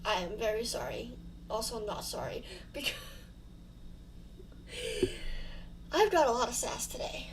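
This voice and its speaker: A young woman hosts her channel over a home build, her fairly high voice swooping wildly in pitch, a little slow, with long pauses. Rambling, giggly and self-deprecating, she mentions a mouth sore from fresh fillings; the rough recording has a little hiss or hum.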